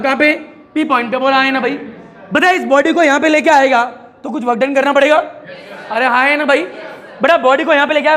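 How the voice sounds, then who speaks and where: Brief: high-pitched man lecturing a tuition class, forceful bright tone, constant questions to students. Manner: keeps quizzing students with repeated questions and jokes. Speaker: physics teacher.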